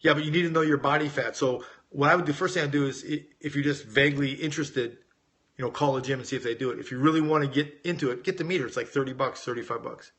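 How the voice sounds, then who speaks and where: A fast-talking man with a medium-pitched, fairly bright voice, he is a middle-aged American who grew up in Las Vegas. As a weight-loss coach hosting a live Q&A, he reads viewer questions in a laid-back live-stream chat and answers informally. His manner is conversational, and he talks directly to the people watching.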